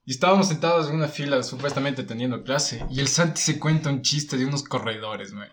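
A young man in casual chat with friends, talking in slang with quick short interjections. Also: medium pitch, background noise.

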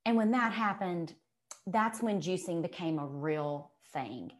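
A woman's voice: fairly low pitch, measured pace. Emphatic woman with a Mississippi Southern accent. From Mississippi, United States. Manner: animated, emphatic, quotes herself and others. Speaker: guest. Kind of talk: casual conversational storytelling.

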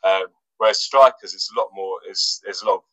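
An English footballer, a man with a deep voice, talks a little fast as a guest in a casual interview. He's relaxed but hesitant, full of fillers and restarts. The recording is low quality with no echo.

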